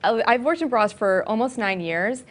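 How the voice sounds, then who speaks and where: A woman's voice: a little high, normal speed. A woman speaking as a lingerie fitting expert guest, playful and chatty in a casual panel chat.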